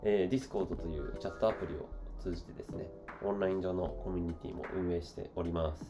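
A man's voice: deep voice, fairly even intonation, fast. A man with a congested, nasal voice and a sore throat, co-hosting a casual podcast and reading its introduction. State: sore throat and runny nose. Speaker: podcast co-host. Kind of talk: casual chat with scripted show introduction. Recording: music playing behind. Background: background music.

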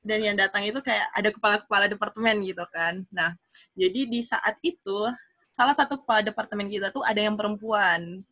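A young woman, telling a story in a relaxed, easygoing way. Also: mid-range voice, brisk. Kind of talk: casual chat.

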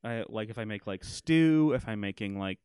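A man's voice: fairly low pitch, expressive, normal speed, a little mellow, clear, resonant tone, dry recording, clean studio sound. A young man co-hosting a podcast, casual chat, insistent and explaining at length with lots of "like" fillers. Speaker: podcast co-host.

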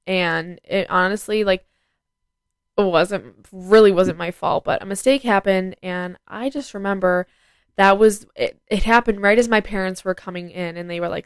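A woman's voice: mid-range voice, clean tone, dry recording. A teenage girl hosting her own podcast, talking casually and earnestly with lots of fillers. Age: teens. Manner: earnest, rambling, many fillers. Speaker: podcast host. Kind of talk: casual personal chat.

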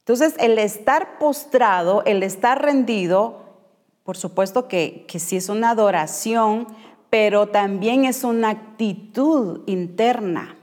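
A woman preaches a sermon at an unhurried pace, pausing and repeating her main phrases for emphasis. Her voice sits in a middle register. The sound carries a long reverb, as in a church hall. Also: mid-range voice, a little mellow.

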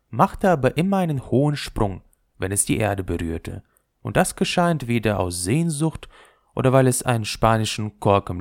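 A man narrating a fairy tale, reading in an expressive storytelling manner. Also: creaky, dry recording, clean studio sound. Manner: expressive storytelling with lively pitch.

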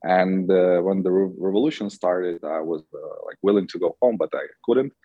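A man's voice: deep voice, normal speed, no echo, phone-quality sound. A man in his thirties from Ukraine, with a Ukrainian accent, talking about his career as a podcast guest, rambling with many fillers and restarts. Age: 30s. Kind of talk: podcast interview.

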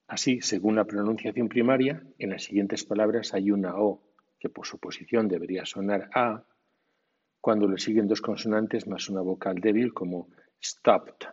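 A man narrating a scripted language lesson, slow and deliberate, spelling words out letter by letter. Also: lowish voice, a little mellow, breathy edge. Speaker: language teacher. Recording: dull, muffled sound with long reverb.

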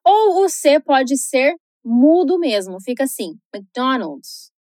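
A woman with a Brazilian Portuguese accent teaching English pronunciation in a chatty scripted video lesson, slowing down to model each word carefully. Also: high-pitched, sing-song, warm tone, no echo, clean studio sound. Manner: chatty, tag questions, slow careful model words.

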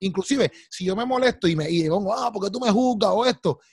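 Fast, high-voiced Puerto Rican young man. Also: husky, dry recording, studio quality. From Puerto Rico. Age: young adult. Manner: animated storyteller, calls friends "loco" and "papi". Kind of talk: casual chat.

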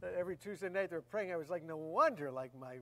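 A woman's voice: on the low side, lively intonation, fast, pushed and bright. A woman preaching a sermon in a conversational way, often repeating key phrases for emphasis.

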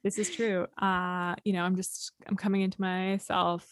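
A woman's voice: mid-range voice, level tone, moderate pace, dry recording, studio quality. A woman co-hosting a casual podcast chat, rambling with many fillers and laughing often. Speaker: podcast co-host.

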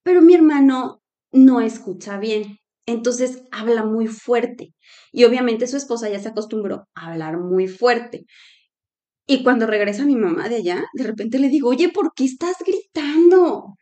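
A woman's voice: on the high side, moderate pace. A woman co-hosting a casual faith-based talk show, telling stories and laughing often. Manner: storytelling, laughs often, animated quotes. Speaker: co-host.

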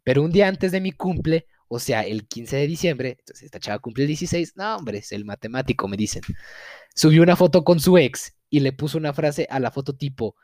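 A man's voice: fairly high pitch, expressive, a little fast, a little mellow, dry recording, clean studio sound. A young man with a Mexican accent tells a viewer's story in a casual, profane, mock-outraged way, with frequent laughter.

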